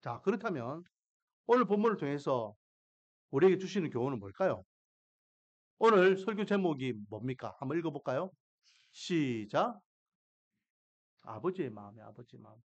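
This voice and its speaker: 생동감 있게 설교하는 남자 목사. 억양이 크게 오르내리고 인물을 연기하듯 이야기를 풀어가며 회중에게 묻는다. 먹먹한 저음질의 교회 녹음이다. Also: male voice, on the high side, moderate pace, pauses often, lo-fi sound. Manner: animated storytelling, acts out characters, asks the congregation questions. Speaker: pastor. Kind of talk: sermon.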